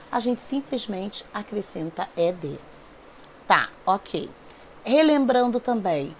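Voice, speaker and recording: Woman teacher, patient and repetitive, slightly high voice, faint background hiss. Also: vocal fry. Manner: patient, repeats rules, checks in with "tá?" and "ok?". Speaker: English teacher. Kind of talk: explaining grammar step by step.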